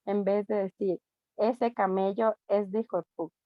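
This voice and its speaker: A woman with an Ecuadorian accent, a student reading a text aloud in class, steady with small slips. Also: medium pitch, normal speed, no room sound, lo-fi sound. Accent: Ecuadorian Spanish.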